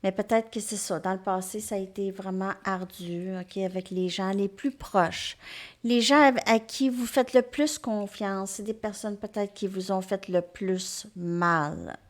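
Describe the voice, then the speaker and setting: A woman gives a tarot reading to her viewers, gently reassuring them and often checking in with them. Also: mid-range voice, steady tone, measured pace. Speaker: tarot reader.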